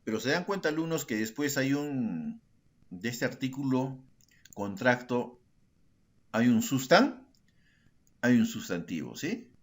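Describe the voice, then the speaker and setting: A male secondary school teacher explains grammar in a recorded lesson, his medium-pitched voice swinging widely in pitch while he speaks a little slowly with long pauses. He addresses students directly, repeats key words, and patiently checks their understanding through frequent tag questions.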